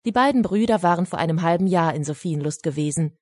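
A woman reading a children's story as audiobook narrator, calm and even. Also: fairly low pitch, fast, dry recording. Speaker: audiobook reader. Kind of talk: scripted narration. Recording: dry studio voice.

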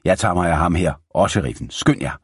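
A man's voice: deep voice, slightly rough, no echo, studio quality. A man voicing a tough, determined young woman cook who speaks shrilly and sharply.

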